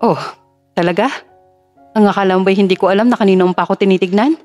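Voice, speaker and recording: A woman's voice: medium pitch, fairly even intonation, quick pace, darkish tone, soft background music, natural voice. A woman voicing a smug, teasing young playboy man in an audio story, speaking in a mocking drawl.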